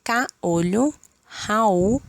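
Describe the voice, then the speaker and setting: A woman teaching spelling rules, reading definitions and example words in a slow, steady way. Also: mid-range voice, creaky, dry recording.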